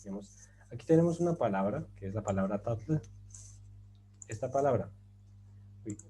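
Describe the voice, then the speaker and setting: A man teaching a grammar lesson, patient and explanatory, often checking in with his listeners and pausing on fillers as he writes. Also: lowish voice, lively intonation, mellow, rough recording. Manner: patient, rhetorical questions, many fillers. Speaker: language teacher. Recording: faint background noise.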